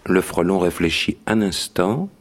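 A man narrating a children's story in a radio drama, with an even storytelling delivery. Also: low voice, measured pace.

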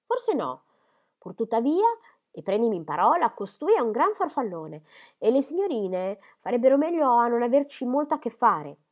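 A woman's voice: on the high side, very animated, normal speed, voice pushed up. A woman voicing a stern, disapproving older spinster who speaks in an admonishing, authoritative way.

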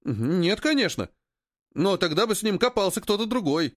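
A man's voice: sits high, big pitch swings, moderate pace, no echo, clean studio sound, pitched above the performer's own voice. A man voicing a thin, stooped young male trader who keeps complaining. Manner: whiny, complaining.

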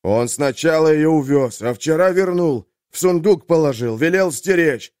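A man's voice: expressive, normal speed, darkish tone, no echo, studio quality, lightly acted. A man voicing a terrified, beaten male jailer who shrilly begs for mercy. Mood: pleading. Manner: shrill, begging, panicked.

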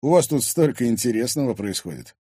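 A man's voice: medium pitch, animated, fairly quick, warm tone, breathy edge, dry recording, studio quality, pitched above the performer's own voice. A man voicing Ilya, a chatty friendly young man. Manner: chatty, eager to help.

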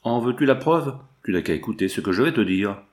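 A man's voice: on the low side, lively intonation, fairly quick, natural voice. A man voicing a sneering old villain. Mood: gloating. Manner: mocking, gloating.

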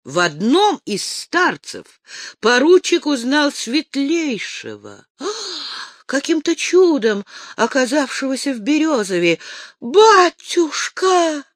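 A woman narrating a historical novel as an audiobook, in a measured, expressive way. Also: high voice, dry recording, studio quality. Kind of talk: scripted narration.

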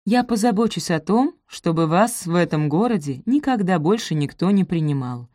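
A woman voicing a commanding, sharp-tongued aristocratic older dowager lady. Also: fairly low pitch, animated, moderate pace, no echo, clean studio sound. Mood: imperious.

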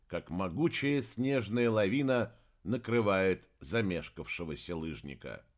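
A man narrating a fantasy audiobook with a dramatic, expressive reading. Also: mid-range voice.

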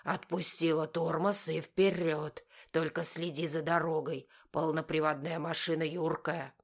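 A woman voicing a calm middle-aged man who gives patient, then firm, driving instructions. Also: deep voice, a little slow. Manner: steady, instructive, commanding.

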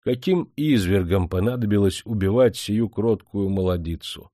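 A man doing a calm, gentle old village priest. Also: on the low side, normal speed, no room sound, studio quality, close to an everyday voice. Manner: calm, soothing, pious.

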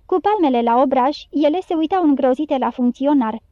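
Woman reading a kids' novel aloud, high voice, dry kinda dull sound. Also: lively intonation, no room sound. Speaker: audiobook narrator. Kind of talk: scripted narration.

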